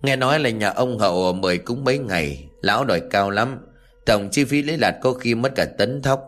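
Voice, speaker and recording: A man voicing a weary middle-aged village father who talks low and matter-of-fact in a spoken ghost story. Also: moderate pace, fairly bright tone, lightly acted. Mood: grumbling.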